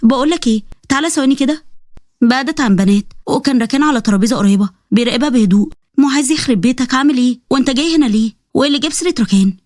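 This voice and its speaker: A feisty young woman with an Egyptian accent, voiced by a woman in a storybook. She snaps out bossy retorts in a rather high voice at great speed. The sound is dry. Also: expressive, rapid-fire, darkish tone, no room sound. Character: sharp-tongued young woman, feisty college student.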